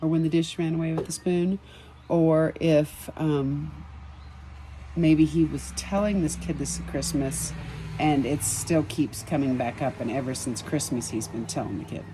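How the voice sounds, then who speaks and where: A sketch artist and empathic reader chatting casually outdoors on a spring evening, musing about a drawing with many ums and soft chuckles. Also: mid-range voice, steady tone, measured pace, noisy background.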